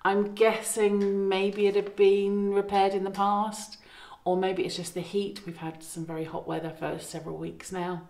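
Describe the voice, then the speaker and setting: Inside an old farmhouse she is renovating, a middle-aged woman vlogs to her phone camera held at arm's length, rambling and correcting herself. Her mid-range voice is level and darkish, moving at normal speed with hardly any pauses. The room gives a roomy echo.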